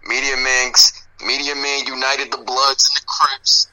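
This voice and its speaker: A man's voice: mid-range voice, level tone, measured pace, sharp tone, no echo, rough recording. A man on a casual panel arguing with friends, emphatic and repeating his phrases for effect. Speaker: panelist on a debate show. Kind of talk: animated casual argument among friends.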